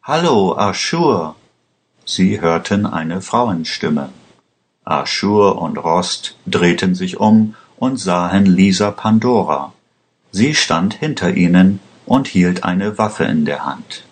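A man narrating a story in a plain, deliberate reading style. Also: sits low. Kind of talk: slow audiobook narration.

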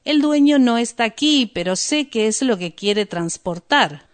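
A woman voicing a flustered, agitated male detective in a read-aloud story, often shouting. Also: fairly high pitch, lively intonation, measured pace, no echo. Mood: guarded.

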